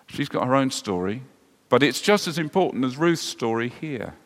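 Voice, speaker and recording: Male preacher, conversational sermon, very lively intonation, long hall reverb. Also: mid-range voice, moderate pace. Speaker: preacher leading a church service. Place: large indoor church or hall.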